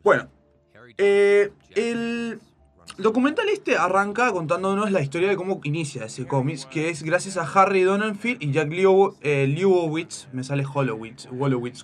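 A man co-hosting a radio show, chatting loosely about comics with many restarts. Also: high-pitched. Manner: rambling, many restarts and fillers.

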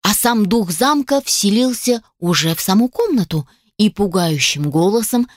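A woman narrating a first-person fantasy audiobook in an expressive, lively way. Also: mid-range voice, normal speed, dry recording. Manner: expressive, lively, voicing many characters. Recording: dry close voice.

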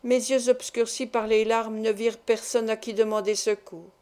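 A woman reading a classic novel aloud as an audiobook narrator, in a measured, expressive way. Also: fairly high pitch.

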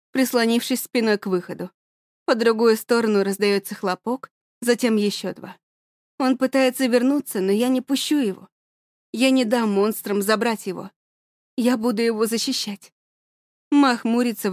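A woman reading a first-person story aloud in a steady, measured way. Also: on the high side, no room sound, clean studio sound. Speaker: audiobook narrator.

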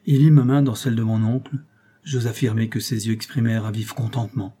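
A man reading a novel aloud in the first person, in a calm, measured way of telling the story. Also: fairly low pitch, husky. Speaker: audiobook narrator. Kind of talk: scripted literary narration.

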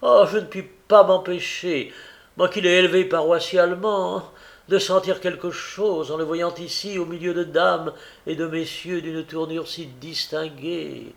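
A man reading an audiobook, voicing a fawning, pompous middle-aged parish beadle who gushes and stammers in a high, slowed voice. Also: steady tone, gravelly. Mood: gushing. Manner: gushing, stammering, sentimental.

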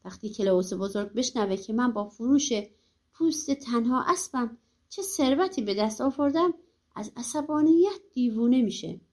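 A sly young peasant, read by a woman, talks in a playful, crafty way. The voice sits high and bright. It comes from a storybook told aloud. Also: animated.

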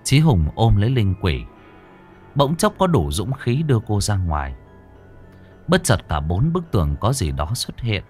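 Slow, dramatic male horror storyteller. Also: lowish voice, sing-song, a little mellow, soft background music. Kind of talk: horror audiobook narration.

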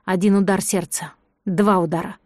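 A woman narrating an audiobook in a steady, even reading voice. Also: medium pitch, moderate pace, no echo, clean studio sound. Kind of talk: scripted narration.

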